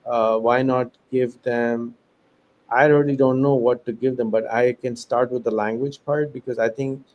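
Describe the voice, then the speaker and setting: A Pakistani education founder appears as a podcast guest, earnestly laying out his ideas in a casual interview. He lists examples, restarting sentences and using fillers, in non-native English that leans American. His mid-range voice is steady and moderately paced, on a lo-fi recording.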